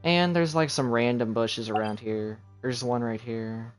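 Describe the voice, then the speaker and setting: Livestreaming a game, a man with a medium-pitched voice chats casually at a measured pace and steady tone, rambling and poking fun at himself. Faint game music plays behind him.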